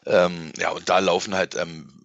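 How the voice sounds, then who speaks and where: A middle-aged man, an event presenter and moderator, chats as an interview guest in a rambling, colloquial, enthusiastic way. His voice is deep and creaky with a fairly bright tone, and his delivery is flat at a moderate pace. The audio is slightly dull with no echo.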